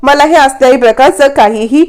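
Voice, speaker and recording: A woman's voice: high-pitched, brisk, darkish tone, close to an everyday voice. A woman narrator voicing a smug, scheming young husband pleased with his plan.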